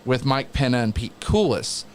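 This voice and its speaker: A man who works as a wrestling announcer, chatting casually as an interview guest in a halting, reflective way. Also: mid-range voice, lively intonation.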